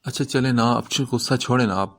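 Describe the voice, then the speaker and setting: A man reading the part of a gentle, tearful young wife in a novel, soft and pleading. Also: medium pitch, steady tone, close to an everyday voice.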